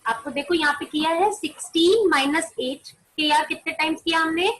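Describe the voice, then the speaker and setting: High-voiced teacher woman, online maths class. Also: normal speed, a bit bright, poor audio. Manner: mixes Hindi and English, asks pupils questions and answers them herself; calls pupils by name to turn on their cameras. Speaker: primary school maths teacher. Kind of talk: online class on a video call.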